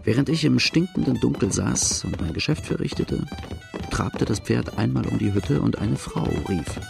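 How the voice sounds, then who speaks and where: In a radio drama, an actor portrays a young Australian farm-boy outlaw recounting his hard youth. His narration is plain, earthy, measured and reflective, in a low, gravelly voice with lively intonation, while music plays in the background.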